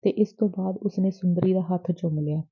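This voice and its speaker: A woman's voice: lowish voice, fairly even intonation, a little fast, breathy edge. Woman reading a novel aloud, tinny sound. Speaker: audiobook narrator. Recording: dry, tinny phone-like sound.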